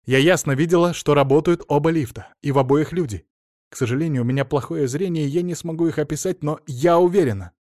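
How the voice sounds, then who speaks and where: A man's voice: a little high, fast, no room sound, studio quality, pitched above the performer's own voice, natural voice. A man reading an audiobook, voicing a flustered, anxious woman who talks in a rush. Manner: excited and flustered. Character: anxious flustered woman talking fast on the phone.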